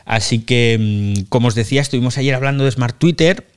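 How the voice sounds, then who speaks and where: A man's voice: medium pitch, a little fast, clean tone. A man with a Spain Spanish accent hosting a casual live audio chat, chatty and self-mocking, swearing casually as he talks into a phone mic. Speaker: podcast host.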